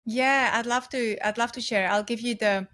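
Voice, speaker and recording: A woman in her forties with a Swiss accent, a podcast guest chatting lively about her life with frequent laughs. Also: on the high side, moderate pace. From Switzerland. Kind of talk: casual interview storytelling.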